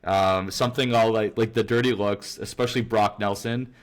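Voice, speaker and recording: A man's voice: on the low side, steady tone, normal speed. A young man co-hosting a podcast, telling a story in a rambling, casual way full of filler words and restarts. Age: young adult. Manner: rambling, heavy on filler words and self-corrections. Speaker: podcast co-host.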